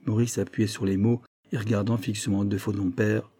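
A man reading a classic story aloud in a measured, dramatic way. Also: on the low side, flat delivery, dark tone, slightly rough. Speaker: audiobook reader. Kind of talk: scripted narration of a classic story.

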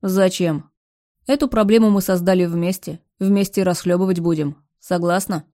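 A woman's voice: on the low side, fairly even intonation, moderate pace, warm tone, natural voice. A woman voicing a stubborn, cocky rich young man who talks bluntly and teases. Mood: earnest. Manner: blunt and teasing.

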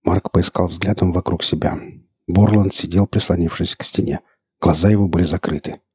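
Man narrating a novel, very low pitch, husky voice, dry close sound. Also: steady tone, normal speed, a little mellow, no room sound. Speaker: audiobook narrator. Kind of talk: scripted narration.

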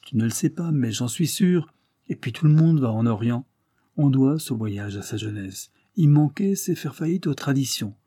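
A man's voice: medium pitch, animated, moderate pace, warm tone, breathy edge, no room sound, clean studio sound, voice pushed up. A man voicing an impulsive, exuberant young man eager to travel. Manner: exuberant, insistent.

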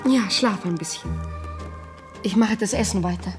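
An actress playing an anxious young wife in a radio play, gentle and pleading. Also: female voice, mid-range voice, moderate pace, over music, natural voice.

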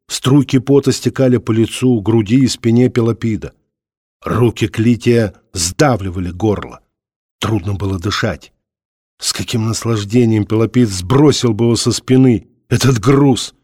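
Male audiobook narrator, measured and dramatic, mid voice, dry close mic. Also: medium pitch, darkish tone, dry recording. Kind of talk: scripted narration.

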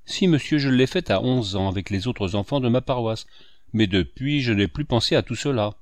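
A man's voice: mid-range voice, normal speed, no room sound, clean studio sound, natural voice. A man voicing a frightened sixteen-year-old peddler boy, timid and pleading. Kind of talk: audiobook character reading.

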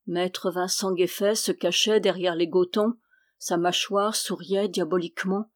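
A woman's voice: on the low side, fairly even intonation, measured pace. A woman reading a historical novel aloud as an audiobook, raising her voice for the quoted characters. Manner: lifts and raises the voice for quoted characters. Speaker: audiobook reader. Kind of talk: scripted narration of a historical novel.

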